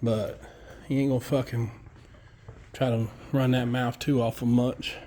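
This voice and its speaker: A man's voice: mid-range voice, little pitch movement, a little slow, warm tone, slight background noise. A man, a construction worker giving a casual walkthrough of a building site, blunt and profane as he tells his story.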